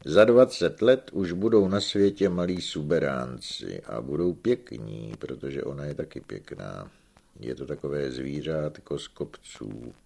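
A man's voice: very deep voice, mellow, heavily acted. A man reading the part of a sly, shrewd old peasant uncle who teases and scolds his young nephew in an audiobook. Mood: teasing. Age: older. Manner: teasing, gruff, scolding.

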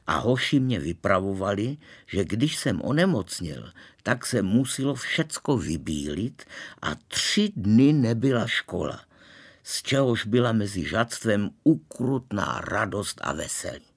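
A man reads a storybook aloud in the first person, with a gravelly texture to his voice. His pitch swings widely and lively as he carries the tale along. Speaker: narrator. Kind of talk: storybook reading.

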